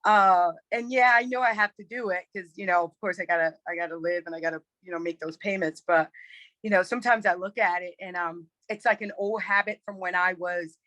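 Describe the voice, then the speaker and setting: A woman's voice: on the low side, fairly even intonation, a little fast, bright, forceful tone, no echo. Woman chatting casually, dry close sound. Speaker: participant in a group call. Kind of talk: casual personal sharing in a meeting. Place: online group meeting call.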